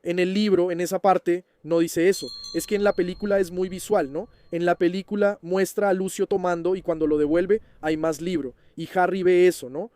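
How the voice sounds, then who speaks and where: A man's voice: high-pitched, fairly even intonation, normal speed, few pauses, mellow, smooth. A man hosting a fan channel, casually answering viewer questions and checking in with the listener as he explains. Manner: chatty, keeps checking in with the listener.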